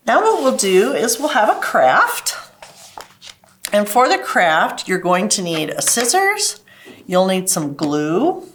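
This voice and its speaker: A woman hosting a children's library program, explaining stories and crafts to kids in simple step-by-step terms. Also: on the low side. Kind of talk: children's craft lesson and storytime talk.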